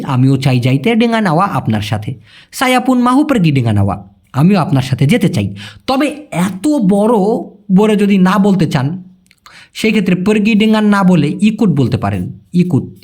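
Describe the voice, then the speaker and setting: A language teacher with a Bangladeshi Bengali accent and a high, darkish voice gives a chatty vocabulary lesson. He repeats words slowly and keeps calling the listener brother.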